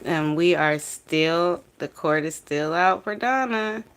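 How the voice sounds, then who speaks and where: A woman's voice: on the low side, slow pace, clean tone. A woman hosting a livestream, gossiping and giving opinions while commenting on a trial. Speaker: livestream host.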